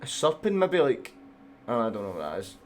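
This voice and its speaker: A man's voice: mid-range voice, wildly swooping pitch, a little fast, soft background music. Sweary Scotsman with a broad accent. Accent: broad west of Scotland. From Coatbridge, Scotland. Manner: sweary, slangy, matey banter. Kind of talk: casual livestream chat.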